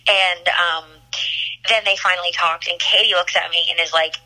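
A young woman being interviewed about her time as a singing contestant, telling the story in an animated, chatty way with lots of fillers. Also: lowish voice, normal speed, low-quality recording. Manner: animated, chatty, laughs often, many fillers.

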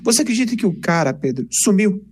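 A young man, casually telling lively stories on a podcast. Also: high voice, fast talker, breathy edge. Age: 20s. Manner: animated, chatty, peppers speech with "cara". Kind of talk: casual storytelling chat.

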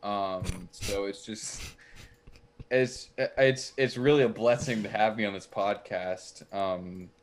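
A young man with a fairly low voice chats on a podcast. He spins a long, mock-boastful story about himself with a straight face. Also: slow. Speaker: podcast co-host. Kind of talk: casual podcast chat.

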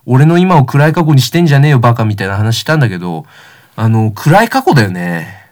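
A young man of about nineteen talks alone as host of a comedic talk show. He rambles through anecdotes and mocks himself, and his pitch swings widely up and down as he goes. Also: very animated, fast, a little mellow. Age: young adult, about 19. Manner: rambling, self-deprecating comic storytelling.

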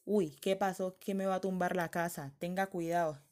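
A woman's voice: on the low side, steady tone, moderate pace, a little mellow, lightly acted. A woman playing a scolding, cruel old crone. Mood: threatening. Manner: scolding and threatening. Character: cruel scheming old woman, a witch-like tyrant.

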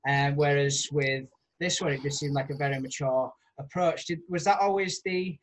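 A man's voice: a little high, steady tone, moderate pace. Enthusiastic man hosting a podcast. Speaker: podcast host. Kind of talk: casual interview questions.

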